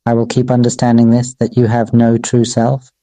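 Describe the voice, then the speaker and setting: A man, a Buddhist monk, delivering a dharma sermon in slow, measured, repetitive phrases and addressing his own voice directly. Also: medium pitch, completely flat delivery, dark tone, dry recording, rough recording.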